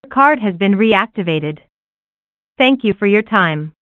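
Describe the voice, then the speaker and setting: A woman's voice giving recorded phone menu prompts in an even, measured delivery. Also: mid-range voice, no room sound. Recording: tinny dry phone line.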